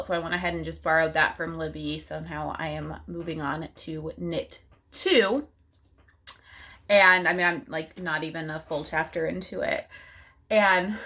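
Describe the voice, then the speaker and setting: A woman's voice: on the low side, sharp tone. A young woman talking casually at home in a reading vlog diary, chatty and full of fillers. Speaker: book vlogger.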